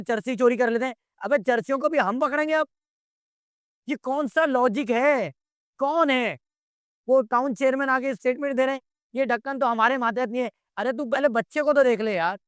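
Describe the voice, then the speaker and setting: A man's voice: very high voice, a bit bright, clean tone, no room sound, studio quality. A man, speaking as an interview guest in a heated, exasperated way and firing off rhetorical questions. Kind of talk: impassioned interview commentary.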